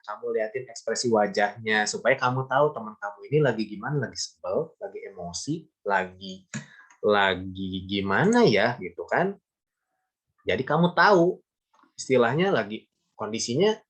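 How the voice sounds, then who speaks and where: A man's voice: medium pitch, husky. A male teacher giving a casual classroom lesson, talking chattily and repeating points with emphasis. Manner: chatty, repetitive, emphatic, gives everyday examples.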